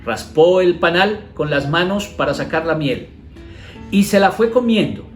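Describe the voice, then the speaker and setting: A man's voice: on the high side, animated, a little slow. A male pastor with a Colombian Spanish accent reads a Bible passage and then explains it, asking his listeners rhetorical questions. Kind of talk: Bible teaching, reading scripture aloud. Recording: echoey room with soft guitar music behind.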